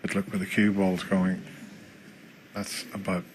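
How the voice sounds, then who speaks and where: A man giving hushed, measured live commentary as a snooker commentator, speaking unhurriedly. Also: deep voice, rough recording. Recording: steady background noise.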